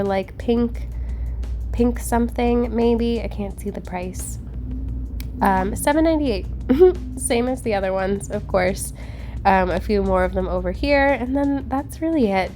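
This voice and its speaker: A woman's voice: mid-range voice, darkish tone. A woman hosting a casual plant-shopping vlog, talking in a chatty, informal, slangy way. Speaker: vlog host. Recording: background music, fan or vehicle hum.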